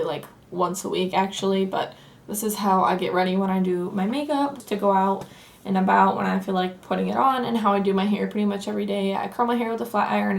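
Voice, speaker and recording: A young Southern-accented beauty vlogger chats through a casual get-ready-with-me makeup tutorial in a medium-pitched voice. Hoarse from allergies and losing her voice, she stays chatty and relaxed, saying "like" often.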